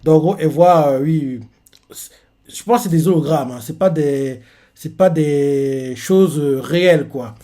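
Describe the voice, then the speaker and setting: A man's voice: a little high, unhurried, dark tone. A man reacting live to a manga chapter, rambling with many fillers and self-corrections.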